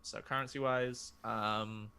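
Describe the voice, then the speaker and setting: Hesitant, wry male player in casual game talk; bright, forward tone. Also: on the low side, fairly even intonation, takes it slowly, clear, resonant tone. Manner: hesitant, many fillers, wry. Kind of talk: casual tabletop game play.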